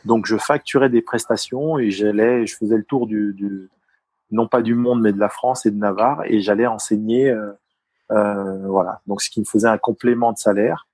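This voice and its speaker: A man's voice: lowish voice, steady tone, moderate pace, a little mellow, slightly rough, no room sound, rough recording. A middle-aged man with a Parisian accent, telling his story as an interview guest, hesitant with many fillers and restarts. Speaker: guest, former top-level athlete. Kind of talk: conversational interview.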